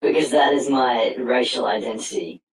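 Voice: moderate pace, roomy sound, slight background noise, rough recording. A chat participant speaking through a voice changer, trading mock-serious, trolling banter in a casual online group chat. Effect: voice changer, very deep processed voice.

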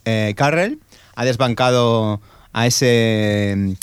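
A Spain-accented man co-hosting a podcast, telling film news casually. His voice is smooth and resonant. The recording is dry and close. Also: mid-range voice, extremely slow, no echo. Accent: Spain Spanish.

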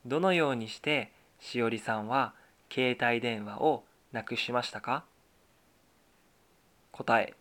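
Slow, careful male teacher. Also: mid-range voice, pushed and bright. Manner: slow, careful, deliberate delivery. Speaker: Japanese teacher. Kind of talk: scripted language lesson.

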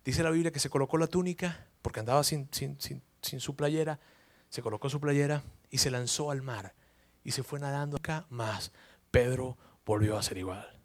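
A man's voice: medium pitch, moderate pace. A man preaching a sermon through personal story, emotional, repeating words and asking the congregation questions.

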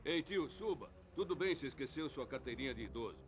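An actor playing a helpful bus driver in a dubbed cartoon, familiar and matter-of-fact. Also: male voice, mid-range voice, expressive, a little fast, heavy background noise, lightly acted. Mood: friendly concern. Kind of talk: dubbed animated series acting.

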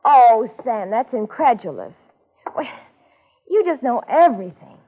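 A woman's voice: fairly high pitch, big pitch swings, measured pace, breathy edge, heavily acted. An actress playing a chirpy young female secretary in a 1940s radio drama, wide-eyed and eager, on a dull old transcription. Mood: admiring.

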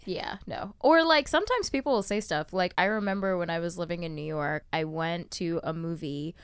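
Smooth-voiced woman chatting and telling anecdotes. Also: on the low side, a little fast, no echo. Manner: chatty, anecdotal, lively retelling. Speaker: podcast co-host. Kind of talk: casual group chat.

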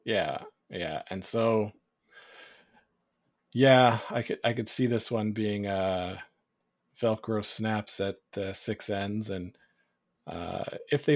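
Low-voiced man, hesitant sports chat. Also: slow, no room sound, clean studio sound. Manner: hesitant, many ums and uhs. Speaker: podcast co-host.

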